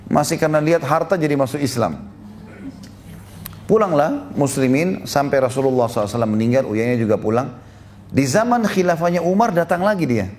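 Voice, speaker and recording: A male preacher tells a story in a sermon, with a middle-pitched voice. He brings the story to life by voicing the people in it. A faint hum of background noise sits under his voice. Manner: lively storyteller who voices quoted speakers, chuckles.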